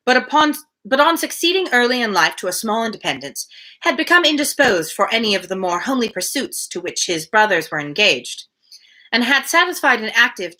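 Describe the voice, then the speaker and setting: The host of a daily live book reading, a woman, reads a classic novel aloud in a fairly high, sharp-toned voice. At times she breaks off to speak more casually.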